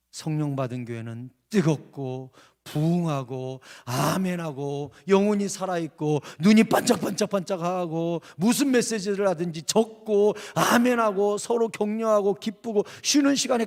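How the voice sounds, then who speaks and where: 설교 중 고함치는 목사. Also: male voice, high voice. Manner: swings from quiet storytelling to shouted outbursts. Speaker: pastor. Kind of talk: revival sermon. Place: church sanctuary.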